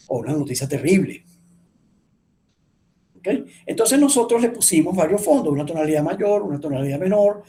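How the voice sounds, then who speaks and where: A man's voice: fairly high pitch, vocal fry, warm tone, a little hiss or hum. A middle-aged man lecturing an online speech therapy class, explaining patiently and often checking with the students. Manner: explanatory, asks the class frequent checking questions.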